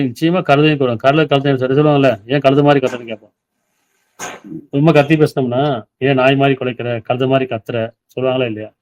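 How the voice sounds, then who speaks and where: A man's voice: mid-range voice, darkish tone. Guy preaching, reads a verse then explains it, keeps asking "right?", kinda muffled recording. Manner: asks listeners rhetorical questions, reads verses aloud then explains. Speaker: Islamic preacher. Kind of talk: Tamil sermon explaining Quran verses.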